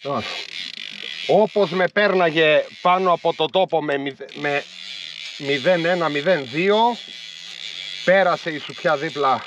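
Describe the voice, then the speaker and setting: With a fairly high-pitched voice and frequent pauses, a fishing vlogger in his thirties calmly explains to viewers what he's doing as he fishes from a small inflatable boat on the open sea. The commentary is casual, recorded on an action camera mounted on the boat, and the audio sounds dull amid outdoor boat and water noise.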